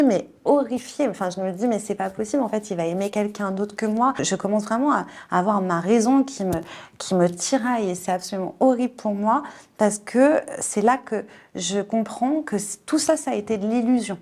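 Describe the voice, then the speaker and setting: A woman in her forties tells her own story in an interview, earnest and emotionally charged. Her speech is halting, full of repeated words and small fillers. Her voice sits at an ordinary middle pitch. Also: warm tone. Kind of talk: personal testimony.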